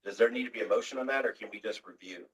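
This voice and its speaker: A man on town staff explaining meeting procedure in a casual, halting way. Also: lowish voice. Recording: roomy hall, mic far off.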